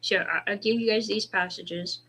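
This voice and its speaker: A woman hosting a casual spiritual livestream, rambling between prayer requests and reading Bible verses slowly and deliberately. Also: mid-range voice, steady tone, fairly bright tone, husky. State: hiccups, dry throat.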